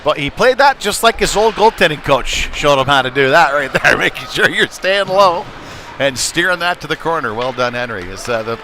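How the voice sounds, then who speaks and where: A man with a fairly high, bright, pushed voice delivers live hockey play-by-play at a normal speed, animated and speaking in clipped phrases mixed with conversational asides. Noisy rink ambience and sports venue sounds sit behind his commentary.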